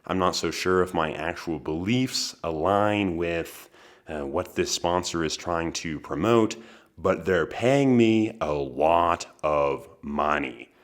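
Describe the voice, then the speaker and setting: A man in his twenties hosting a podcast, delivering a comedic monologue in a dry, deadpan manner with wry asides. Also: sits low, slow. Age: 20s. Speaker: podcast host.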